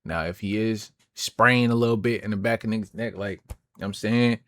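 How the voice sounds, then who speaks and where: A man's voice: fairly low pitch, steady tone, brisk, fairly bright tone. Young man in casual reaction chat. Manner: slangy, talks back to the clip, repeats words. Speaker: streamer reacting to clips.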